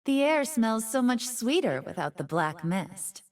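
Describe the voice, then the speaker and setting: High, expressive fox spirit Ahri. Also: female voice, unhurried, far from the mic. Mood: wistful, resolute. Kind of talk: game character voice lines.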